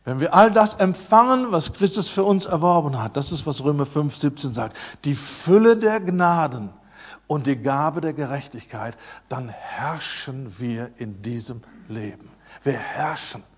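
High-voiced man preaching with emphatic repetition. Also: lively intonation, measured pace. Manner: emphatic, repeats key phrases, swings between loud and soft. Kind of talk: sermon.

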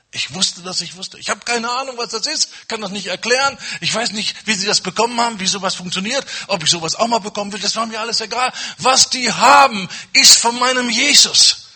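Male preacher, bright husky voice, dramatic testimony delivery. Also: on the high side. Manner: dramatic storytelling, acting out dialogue with swings from loud to hushed. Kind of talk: testimony sermon.

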